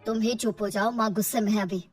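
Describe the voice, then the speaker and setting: A woman voicing a young husband caught between his wife and mother, who calls out and tries to calm them down in a storybook tale. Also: mid-range voice, fast, breathy edge, distant mic, soft background music, pitched below the performer's own voice, natural voice. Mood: placating.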